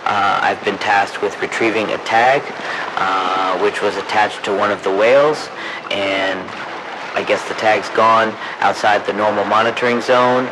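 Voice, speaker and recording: A man's voice: fairly low pitch, steady tone, unhurried, background noise, close to an everyday voice. A man playing a resentful, weary field worker, hesitant and grumbling, in found-footage style. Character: resentful, weary male marine institute worker. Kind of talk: found-footage vlog acting.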